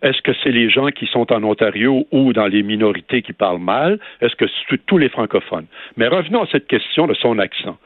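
A man's voice: medium pitch, expressive, fairly quick, hardly any pauses, no room sound. A man with a Québécois French accent argues his case in an emphatic, lecturing tone, like a guest calling in to a radio debate. His voice comes through a narrow, tinny telephone line with no room sound at all. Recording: dry phone line.

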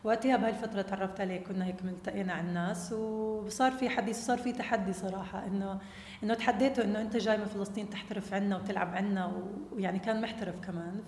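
A young woman with a Jordanian Arabic accent talks very quickly in casual, story-like conversation. She slips English words into her sentences. The room is echoey, with long reverb around her voice. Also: medium pitch, steady tone, darkish tone, a little hiss or hum. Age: young adult. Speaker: interview guest, basketball player.

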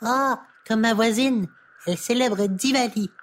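A bright, slightly high young boy from a children's TV show, full of eager questions as a woman acts him out. He sounds cheerful and wide-eyed, always keen to learn something new. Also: a little slow, natural voice. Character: curious cheerful young boy puppet host. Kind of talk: children's TV dialogue.

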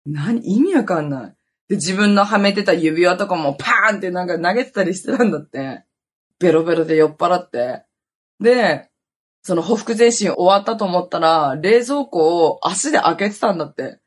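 A woman in her thirties hosting a podcast, telling a personal story in a casual, animated way, jumping between loud exclamations and muttered asides. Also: fairly low pitch, normal speed. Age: 30s. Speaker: podcast host.

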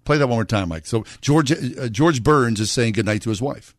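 A man's voice: medium pitch, normal speed, dry recording. A man chatting casually as a radio show host in a studio.

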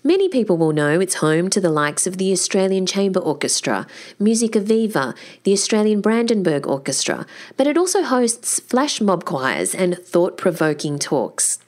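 A woman hosting a podcast, reading a scripted introduction, then asking questions with an emphatic, lively manner. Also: medium pitch, normal speed. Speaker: podcast host.

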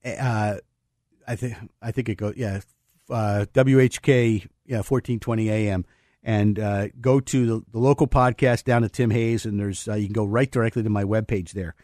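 A man's voice: lowish voice, steady tone, normal speed, a little mellow, no room sound, clean studio sound. A man hosting a financial talk radio show, rambling through market views with many fillers and restarts. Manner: explains market terms plainly.

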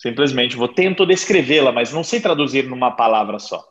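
A man in his thirties from Genoa, Italy, speaking Portuguese with an Italian accent as a podcast guest, telling his story with animated pauses and hesitations. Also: medium pitch. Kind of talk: conversational interview. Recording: slightly dull lo-fi sound.

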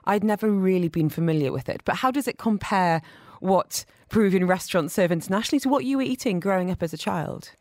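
A woman's voice: mid-range voice, fast, hardly any pauses, darkish tone, dry recording. A woman hosting a radio talk show in a studio, chatty and enthusiastic. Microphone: studio microphone.

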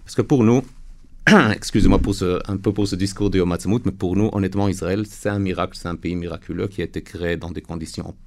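A man with a low, creaky voice and a foreign accent in French gives earnest interview answers. He is not a native speaker, and his phrasing halts as he looks for the right word. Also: steady tone, warm tone. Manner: earnest, halting phrasing with searching for words. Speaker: interview guest, lawyer and reservist.

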